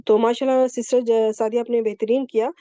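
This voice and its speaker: A woman's voice: a little high, level tone, mellow, no echo, highs cut off. Patient woman teaching over a call. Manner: patient, explains step by step with check-ins. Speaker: Quranic Arabic grammar teacher. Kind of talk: online class teaching. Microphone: computer mic on a video call.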